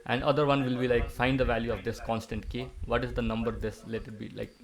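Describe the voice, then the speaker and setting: A young man leads an online maths lesson, his mid-pitched voice carrying a gravelly edge. He explains step by step and keeps pausing to check that everyone is following. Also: flat delivery. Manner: patient, explanatory, checks in with students often. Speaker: maths teacher. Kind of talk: online class lecture.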